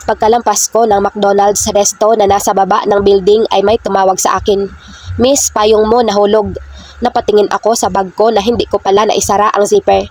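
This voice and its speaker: A woman narrating a first-person romance novel as a reader, reading in a flat, steady way. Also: mid-range voice. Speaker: audiobook reader. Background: faint background music.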